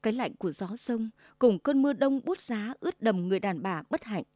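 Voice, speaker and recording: A woman's voice: fairly high pitch, animated, warm tone, no echo. Lyrical woman storyteller, dry sound. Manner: slow, lyrical and emotive. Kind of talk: scripted story narration.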